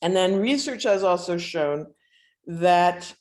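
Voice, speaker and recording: A woman instructor giving an informal guided relaxation lesson, speaking haltingly with many pauses. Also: fairly low pitch, animated, a little mellow. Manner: halting, hesitant, with frequent pauses and throat clearing. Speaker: instructor leading a breathing exercise. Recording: roomy, echoing sound.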